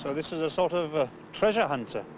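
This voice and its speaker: An actor playing a good-humoured, deferential police subordinate in a 1970s television drama, respectful and wry with some hesitancy. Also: male voice, fairly high pitch, expressive, a little fast, natural voice. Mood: eager, deferential. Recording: muffled, noisy 1970s television location sound.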